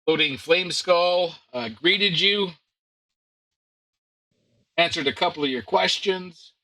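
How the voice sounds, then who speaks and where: A man acting as game master, recapping a tabletop adventure with relaxed, filler-heavy banter. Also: high-pitched, slow pace, dry recording, rough recording.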